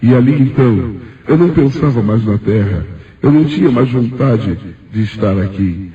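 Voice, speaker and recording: Male preacher testimony, very dark tone, echoey far-off lo-fi church recording. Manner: fervent storytelling, voice rising high when quoting himself. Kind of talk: sermon testimony.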